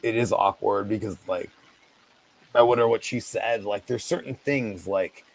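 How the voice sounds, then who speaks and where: A man in his twenties with a heavily creaky, gravelly low voice that sounds grizzled beyond his years. He talks in a dry, calm, candid way, slightly drunk, swearing casually as a caller on a livestream. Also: a little slow, poor audio. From US East Coast. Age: 20s. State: intoxicated. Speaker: guest caller on a livestream chat.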